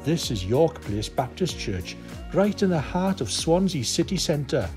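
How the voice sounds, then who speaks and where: A man giving a steady scripted promotional voice-over. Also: fairly high pitch, measured pace, soft background music. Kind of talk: scripted narration.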